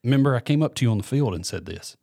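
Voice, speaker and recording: A man's voice: mid-range voice, rapid-fire, creaky, dry recording, clean studio sound. A man who leads a church student ministry, telling stories in a casual chat and laughing often. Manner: lively storyteller, laughs often. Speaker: student ministry leader, co-host.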